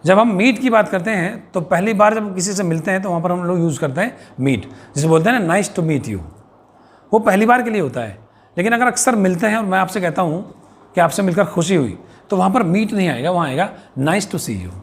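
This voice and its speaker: Indian male teacher, high voice, slow careful repetition, questions to the viewer, children's english lesson. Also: animated. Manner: repeats each phrase slowly and clearly, asking questions to the viewer. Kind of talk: bilingual vocabulary lesson for young children and parents.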